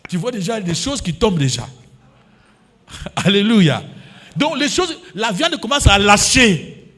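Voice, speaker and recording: A pastor in his fifties with a Congolese French accent preaches in a high, sing-song voice that leaps up and down in pitch, with a fairly bright tone and measured pace. He punctuates his sermon with alleluias and amens and slips into Lingala.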